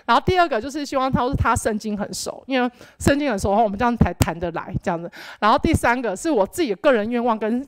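Young woman, faith testimony, rambling, animated, fairly high voice, dry sound. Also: no echo. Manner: rambling and animated, with many filler "then"s. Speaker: church member giving testimony.

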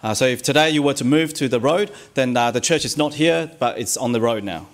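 Halting male sermon interpreter. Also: medium pitch. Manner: hesitant with frequent "uh" fillers and self-corrections.

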